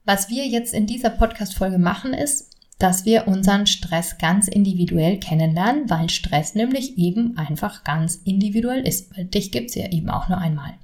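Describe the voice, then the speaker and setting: Her pitch is medium, her pace moderate, and her tone somewhat dark. As a stress coach, she runs a one-woman podcast with exercises, addressing the listener in a friendly, direct way.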